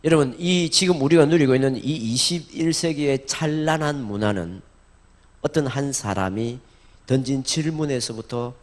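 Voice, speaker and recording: A man from the Gyeongsang region with a Gyeongsang accent, lecturing a church congregation in an animated way and acting out bits of dialogue. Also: medium pitch, normal speed. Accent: Gyeongsang Korean. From Gyeongsang region, Korea. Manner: animated, acts out dialogue in varied voices, leads call-and-repeat. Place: church in Busan.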